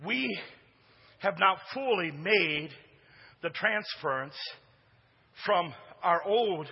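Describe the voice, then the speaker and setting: Preaching a sermon in a church sanctuary, this male pastor has a big booming voice with a high, husky edge, and he takes it slowly while staying animated. He sinks into hushed asides, then rises to shouts as he prompts the congregation. The audio is dull and muffled, trailed by long reverb.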